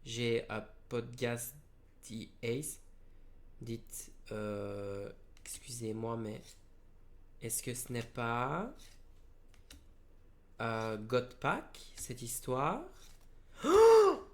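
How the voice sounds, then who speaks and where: Jeune homme, vlog d'ouverture de cartes, parle en hésitant, ton posé, voix moyenne. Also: male voice, medium pitch, drawn-out words, pauses often, a bit bright. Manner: hesitant, many fillers and restarts. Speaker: card opening vlogger. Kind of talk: casual unboxing commentary.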